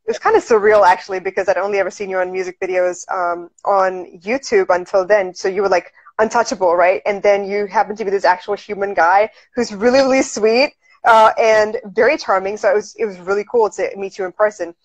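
A woman's voice: medium pitch, steady tone, a little fast. A woman hosting a live video chat, talking casually and enthusiastically with lots of fillers, on an earphone mic in a small room. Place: indoors, small room, phone selfie. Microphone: wired earphone mic. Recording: slightly dull lo-fi live-stream audio.

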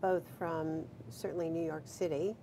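Middle-aged woman interviewer, gravelly and dark-toned; attentive, affirming. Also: deep voice, steady tone, normal speed. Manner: attentive, frequent affirming murmurs. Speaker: health system CEO, interviewer. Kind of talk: live video Q&A interviewer. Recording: faint background noise.

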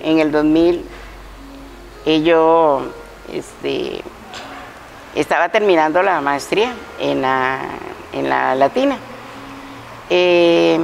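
An older woman, a retired teacher telling stories as a guest in a casual interview, chatty and lively, often restarting her words. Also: lowish voice, gravelly, slight background noise, low-quality recording.

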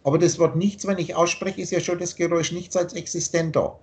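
A man's voice: fairly high pitch, fairly even intonation, fairly quick, darkish tone. A man explaining his teaching in a long, earnest monologue, often repeating himself, over a video call. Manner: repetitive, earnest, lecturing.

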